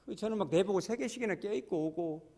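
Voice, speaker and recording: Male pastor, higher voice, humorous folksy sermon, long church-hall reverb. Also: quick pace, mellow. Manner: humorous, colloquial storytelling. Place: church sanctuary.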